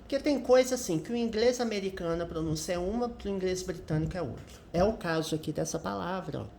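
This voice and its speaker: A woman's voice: on the low side, fast talker, gravelly, warm tone, a little hiss or hum. A woman, an English teacher patiently explaining a news article word by word. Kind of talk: commented reading of a news article. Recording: echoey room.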